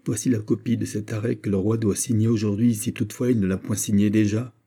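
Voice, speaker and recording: A man's voice: on the low side, level tone, quick pace, mellow, breathy edge. A man voicing a loyal, anxious male confidant in an audiobook, delivering grave, urgent warnings. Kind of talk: audiobook character reading.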